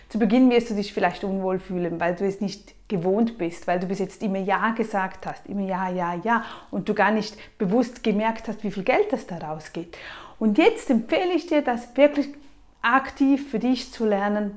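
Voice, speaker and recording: A woman, giving casual, emphatic money-saving advice straight to the viewer, often dropping her voice softly. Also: medium pitch. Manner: emphatic and lively, with frequent soft drops in volume. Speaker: personal finance advice vlogger.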